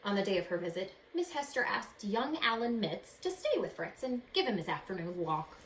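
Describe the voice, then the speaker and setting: A teacher reads a picture book aloud to children in a medium-pitched, fairly bright voice with big pitch swings. She reads dramatically, pausing to ask her young listeners questions. The room gives a roomy echo, with faint background noise.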